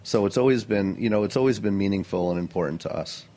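A middle-aged chef answering interview questions in a studio, earnest and animated, often saying "you know" and "um". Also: male voice, lowish voice, fast. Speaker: chef and restaurant owner. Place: radio studio.

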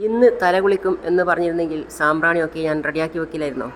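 A protective husband who fusses over his wife and insists on caring for her, read by the narrator. He talks in an everyday mid-pitched voice and slows down as he fusses. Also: fairly even intonation, slight background noise, natural voice, low-quality recording. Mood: doting. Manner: fussing, insistent. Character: doting protective older husband.

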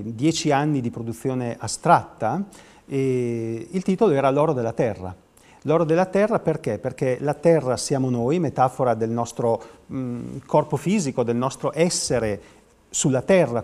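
A man's voice: mid-range voice, darkish tone. A middle-aged man explaining his artwork as an interview guest, reflective and hesitant in his phrasing. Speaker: artist guest. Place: TV studio.

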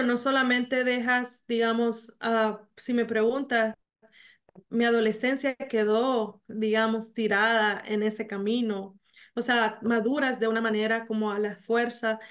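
A woman, telling her story haltingly over a video call, full of fillers and restarts. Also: a little high. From El Salvador. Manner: hesitant, many fillers and restarts. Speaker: mayor, interview guest. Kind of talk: remote interview. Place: small home office.

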